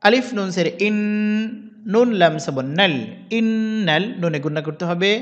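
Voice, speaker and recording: Male recitation teacher, higher-pitched, patient and methodical, slow drawn-out verses, reverberant sound. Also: highs cut off. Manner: patient, spells out each syllable. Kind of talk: spelling-out recitation lesson. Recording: long reverb.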